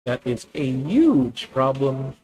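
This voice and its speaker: A man's voice: medium pitch, sing-song, slow pace, a little mellow, slight background noise, low-quality recording. A man with a Filipino accent thinking aloud as he plays a card game on stream, chatting with viewers. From Philippines. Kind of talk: live card game commentary.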